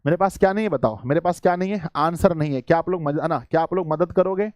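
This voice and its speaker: Coaxing male teacher, fairly high voice. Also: fast, darkish tone, no echo, studio quality. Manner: coaxing, repetitive, addresses students as children. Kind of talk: live online exam-prep class.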